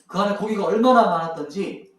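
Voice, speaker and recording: A man's voice: sits high, fairly quick. A male pastor telling a Bible story to children, asking them questions as he goes. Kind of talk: children's sermon. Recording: echoey room, mic far off.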